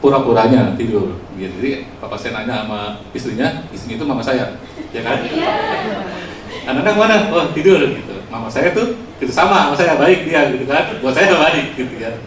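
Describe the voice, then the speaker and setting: A man's voice: mid-range voice, a little fast. A man giving a casual, storytelling sermon to a youth congregation, chatty and self-mocking with lots of filler words, recorded in a church hall. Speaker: youth preacher. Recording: roomy, distant mic, faint noise.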